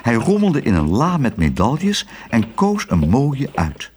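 A man reading a children's story aloud in a lively, expressive way. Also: mid-range voice, a little slow, slight background noise.

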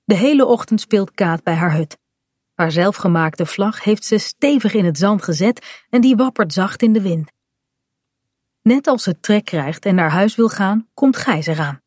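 Slow, gentle woman reading a children's story. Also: mid-range voice, animated, no echo, clean studio sound. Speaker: storybook reader.

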